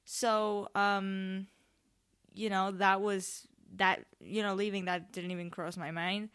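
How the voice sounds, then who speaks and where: A woman's voice: mid-range voice, little pitch movement, takes it slowly, fairly bright tone, clear, resonant tone. A young woman of seventeen hosting a casual solo podcast in an informal, rambling way, often interrupting herself and wandering off on digressions. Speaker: podcast host. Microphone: microphone on a tripod.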